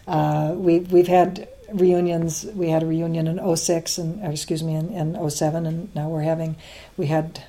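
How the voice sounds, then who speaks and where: In a casual interview, a middle-aged woman who advocates for science education talks with a low, warm voice, a level tone, and a moderate pace. She's chatty and laughs often, with many fillers and restarts along the way.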